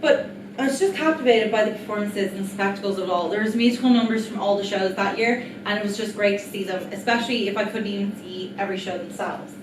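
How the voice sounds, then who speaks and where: A woman giving a rehearsed reading of an autobiographical stage monologue, speaking earnestly and reflectively, straight to her audience. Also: mid-range voice. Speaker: writer-performer of an autobiographical solo play. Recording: echoey, distant mic, noisy room.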